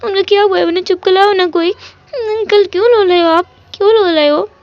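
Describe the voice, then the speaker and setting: A woman's voice: fairly quick, no echo. A woman putting on a sobbing little boy. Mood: tearful. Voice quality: high sobbing child voice. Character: small crying male child, clingy and tearful. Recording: dull lo-fi audio.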